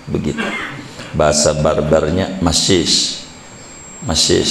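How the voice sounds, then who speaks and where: A man's voice: low-pitched, slight background noise. A man preaching in a chatty, joking way, drawing out words and explaining with asides. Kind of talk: casual religious lecture. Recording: echoey hall with faint ambience.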